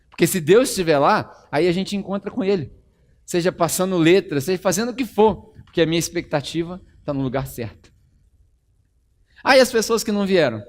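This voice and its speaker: A Brazilian man preaches a sermon in a church with a relaxed, chatty tone. His voice sits high and he tells the story with a lot of energy. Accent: Brazilian Portuguese. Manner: conversational, animated storytelling. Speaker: pastor.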